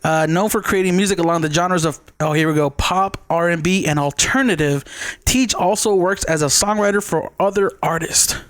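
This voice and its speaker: A man's voice: high-pitched, normal speed, no room sound. A man co-hosting a podcast in a joking, casual way, reading a guest's bio aloud. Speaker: podcast co-host.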